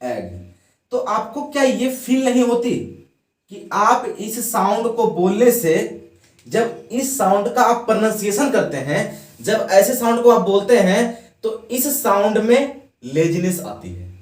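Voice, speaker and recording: A man's voice: high voice, lively intonation, measured pace, roomy sound, recorded from a distance. A man teaching English grammar in a classroom lesson. He puts questions to the students, answers them himself, and has them repeat words after him.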